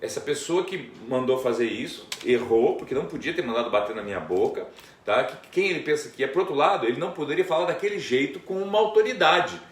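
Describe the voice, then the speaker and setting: A man's voice: on the high side, lively intonation, fast, a little hiss or hum. A man, a pastor, explaining a Bible passage in a conversational teaching style, often checking in with his listener. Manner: explanatory, many tag questions. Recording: echoey room, distant mic.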